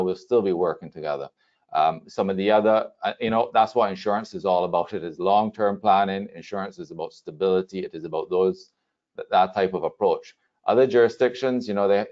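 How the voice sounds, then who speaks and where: Man from Barbados, very low voice, steady explainer, dull call audio. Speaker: panelist. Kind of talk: webinar panel talk. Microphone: video call.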